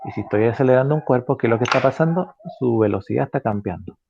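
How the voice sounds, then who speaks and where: A man's voice: mid-range voice, creaky, muffled recording, background noise. A man teaching an online physics lesson, explaining step by step with frequent fillers and tag questions to check the class follows. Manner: halting, with frequent fillers and self-corrections.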